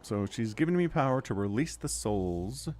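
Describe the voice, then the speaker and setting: A man commentating as he plays a role-playing game, playfully thinking out loud and reading the text aloud. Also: on the low side, expressive, moderate pace.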